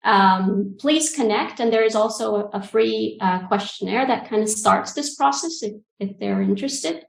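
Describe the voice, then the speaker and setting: A woman in her forties, from Egypt and the UK, giving reflective interview answers over a video call, calm and pausing with frequent ums. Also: mid-range voice, gravelly. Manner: thoughtful, calm, hesitant with ums. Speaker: guest coach. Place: room with bookshelves. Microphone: earbud mic on video call. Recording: roomy video call audio.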